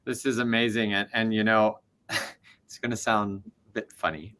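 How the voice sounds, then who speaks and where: A man's voice: fairly low pitch, little pitch movement, unhurried, pushed and bright. A man who grew up in Taiwan, hosting an interview in a friendly manner and laughing easily. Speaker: podcast host. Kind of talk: interview host.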